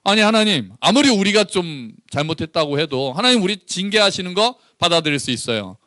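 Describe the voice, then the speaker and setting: A man's voice: big pitch swings, a little fast, bright, forceful tone, no room sound, clean studio sound, heavily acted. A man voicing an indignant male prophet who complains to God and demands an answer. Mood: indignant pleading. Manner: complaining, demanding, rising pitch.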